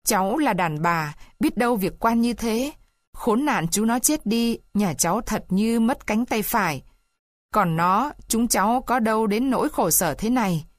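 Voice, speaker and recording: A poor peasant wife, as a woman reader puts her on, begging through tears in a higher voice. She pleads desperately and breaks into weeping complaints. The sound is close and dry, with no room around it. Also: expressive, a little slow, no echo. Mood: tearful. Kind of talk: storybook reading.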